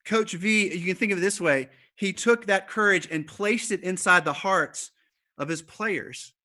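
A man preaching a conversational sermon, speaking to the congregation and the children watching online, with fillers and repeated starts, slowing down for emphasis. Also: high-pitched, bright, forceful tone. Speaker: pastor. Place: church service streamed online.

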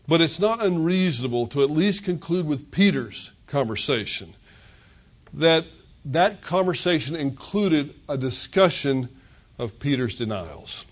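An older man delivers a sermon with a slightly higher voice than most men. He tells the story like a storyteller, climbing in pitch for quoted speech and sinking soft and low for tender moments. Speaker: pastor.

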